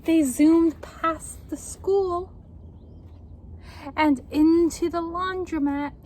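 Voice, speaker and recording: A young woman reading a children's book aloud in a deliberate, expressive way, explaining and asking the listeners questions. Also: extremely high pitch. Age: young adult. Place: outdoors on a front step by a house door. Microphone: camera at a short distance. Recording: faint outdoor street noise.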